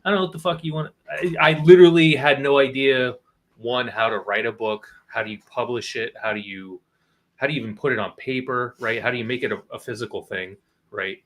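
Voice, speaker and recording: A man, a guest co-author, telling a story in casual chat, animated, cursing freely and acting out what others said. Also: mid-range voice, brisk. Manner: animated, swears freely, quotes others in voices.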